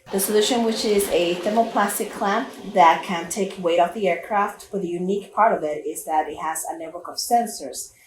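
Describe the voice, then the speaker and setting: A woman's voice: on the low side, moderate pace, few pauses. A woman from Puerto Rico, a company CEO, explaining her business in an earnest, businesslike way in an interview. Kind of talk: recorded interview. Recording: echoey room, distant mic, background noise.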